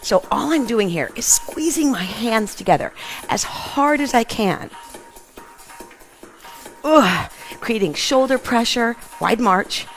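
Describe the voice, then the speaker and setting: A middle-aged woman with a voice on the high side leads an aerobics routine, speaking in an animated way but slowly and with frequent pauses. She calls out short, punchy, encouraging cues as she exercises in an open living room at home, accompanied by music.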